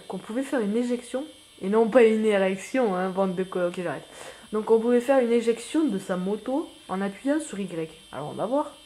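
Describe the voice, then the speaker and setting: A man giving casual gameplay commentary as a new YouTuber, rambling and self-mocking, full of slang and excitable outbursts at the game. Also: high voice.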